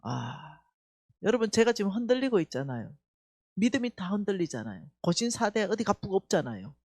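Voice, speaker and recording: A woman with a Gyeongsang Korean accent giving an emotional revival testimony, telling her story in an animated way and acting out the dialogue. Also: mid-range voice, a little fast, no room sound. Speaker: church staff member giving testimony.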